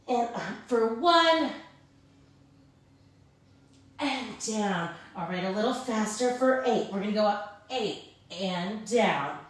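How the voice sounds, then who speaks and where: A woman fitness instructor leads a live Pilates class, cueing moves and counting in an informal, encouraging way. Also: a little high. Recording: very echoey room, distant microphone.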